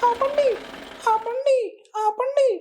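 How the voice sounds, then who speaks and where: A woman voicing an excitable young squirrel who keeps calling out and begging for help in a cartoon. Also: very high voice, slow, noisy background. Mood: alarmed. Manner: urgent, repeatedly calling out and begging. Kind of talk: cartoon voice acting.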